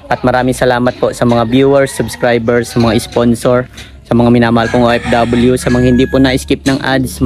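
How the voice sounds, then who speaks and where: A man hosting a charity vlog outdoors, greeting viewers and gently questioning a family. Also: medium pitch. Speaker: vlogger doing charity visits. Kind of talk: casual vlog talk and interview. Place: outdoors at a rural home.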